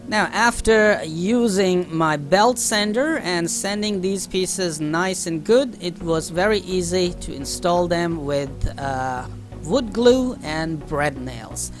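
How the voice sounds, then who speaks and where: A man talks through his woodworking project in voice-over at a slow, easy pace, pausing often as he thinks aloud. Clear background music runs under his voice. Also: high-pitched, animated. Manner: unhurried, thinking aloud, frequent hesitations. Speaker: woodworking hobbyist. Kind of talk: voice-over narration of a workshop build.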